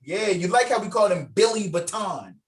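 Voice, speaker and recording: Pitched high and animated, he talks a bit quickly as he guides a script read over a video call. He's informal and encouraging, reading scene directions aloud through the call's microphone.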